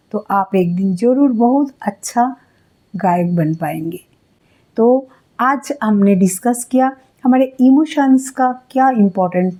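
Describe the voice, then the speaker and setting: A woman's voice: on the high side, dark tone. A woman teaching singing, patiently explaining how to put emotion into the voice and demonstrating it aloud. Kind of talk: music lesson on expressing emotion.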